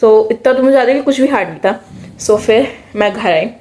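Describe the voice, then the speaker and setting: A young woman with an Indian accent tells a story from her school days in a chatty, lively way, dropping English words into her talk. Her voice sits a little high for a woman. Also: brisk. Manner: chatty, animated, mixes English words into speech. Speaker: vlogger. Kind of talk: casual storytime.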